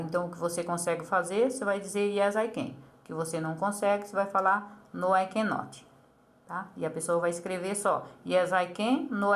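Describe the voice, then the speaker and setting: A woman with a Brazilian accent, explaining an English lesson to a child and saying English model phrases slowly and carefully. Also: lowish voice. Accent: Brazilian Portuguese. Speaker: English teacher.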